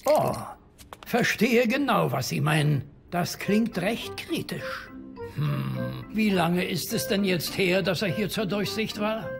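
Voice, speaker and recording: A woman's voice: on the low side, animated, slow, creaky, music in the background, full character voice. A woman voicing a fussy, stern wise old elf librarian in a cartoon dub, with a strict librarian's shushing manner. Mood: matter-of-fact.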